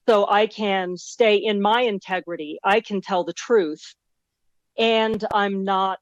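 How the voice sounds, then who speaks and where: An older woman, a grandmother guest, talking gently and measured about her own family. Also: medium pitch, no room sound, lo-fi sound. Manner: gentle, measured, many soft "um"s and "mm"s. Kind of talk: calm personal account.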